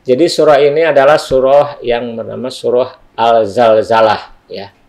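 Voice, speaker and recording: A man's voice: medium pitch, fairly even intonation, a little slow, a little mellow. A man teaching a recitation lesson to students in a school studio, explaining patiently with frequent "ya" tags.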